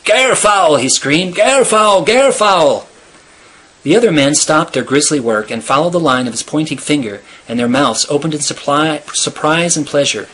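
A man reading a chapter of a novel aloud in a steady, measured storytelling manner. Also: mid-range voice, slight background noise, rough recording. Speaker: reader.

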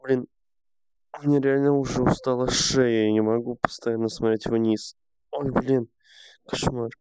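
A man's voice: medium pitch, steady tone, a little slow, darkish tone, smooth, no echo. A young man streaming a game, grumbling and swearing to himself in casual commentary. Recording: dull lo-fi sound.

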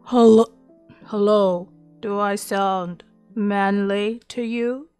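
A woman's voice: medium pitch, fairly even intonation, slow pace, a little mellow, clean tone, voice pushed down, natural voice. Casting: a woman playing a goofy macho guy, exaggerated and forced, for a playful livestream voice bit, music behind. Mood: showing off. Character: buff manly guy, laid-back and goofy.

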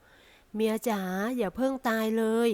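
A playful young husband, read by a woman coaxes his wife in a teasing, drawn-out way. The voice sits fairly high for the part. It is a storybook reading with little change from the reader's own voice. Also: steady tone, a little mellow, lightly acted. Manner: teasing, coaxing.

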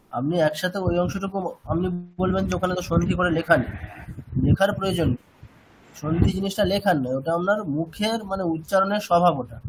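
A man's voice: high voice, background noise. A man with a West Bengal Bengali accent teaching Sanskrit chanting, asking rhetorical questions and repeating his points. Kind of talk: explaining lesson to students.

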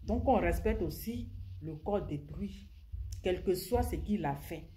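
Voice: medium pitch, animated, unhurried, dark tone. A commentator, scolding listeners in an impassioned vlog rant and often stammering over repeated words. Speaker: social media commentator.

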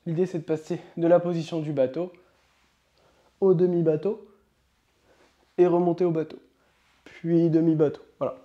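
Man, yoga teacher, upbeat and coaching, mellow tone, slightly high voice. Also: little pitch movement, lo-fi sound. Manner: upbeat, coaching, counts slowly while demonstrating. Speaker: yoga instructor. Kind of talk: instructional demonstration.

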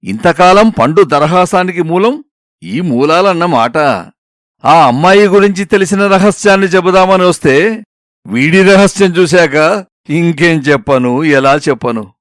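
A man reading out a comic story, telling it in a playful, expressive way. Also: a little high, measured pace, dry recording, studio quality. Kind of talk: scripted narration of a comic story.

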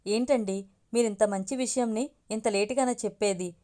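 A woman's voice: fairly high pitch, steady tone, fairly quick, warm tone, natural voice. A woman as an eager middle-aged mother. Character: excited middle-aged mother awaiting her son.

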